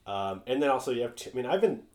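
Laid back dude rambling on, swears a lot, mid pitch, roomy echo. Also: male voice, fast talker. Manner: relaxed, rambling, swears freely, many fillers. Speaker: podcast co-host. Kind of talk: casual chat.

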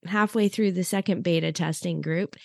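A woman's voice: fairly low pitch, steady tone, moderate pace, creaky, no room sound, studio quality. A woman podcast host and relationship coach who speaks in an effusive, affectionate way. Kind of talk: warm-up podcast talk and scripted promo.

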